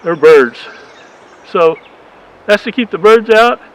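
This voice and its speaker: Out in a rural yard, a beekeeper in his eighties rambles folksily through a casual how-to video. His high voice is animated, slow, and a bit bright, and the recording has a slightly dull lo-fi sound.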